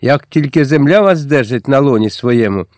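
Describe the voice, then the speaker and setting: A man's voice: mid-range voice, animated, normal speed, a little mellow, no echo, clean studio sound, close to an everyday voice. A man voicing a Cossack otaman who speaks firmly and with command. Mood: angry. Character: stern Cossack otaman, young male leader.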